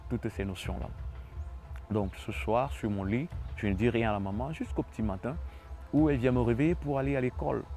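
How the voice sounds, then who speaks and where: Lower-voiced man telling his testimony. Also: a little mellow. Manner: halting, repetitive phrasing with many restarts. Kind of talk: personal testimony storytelling.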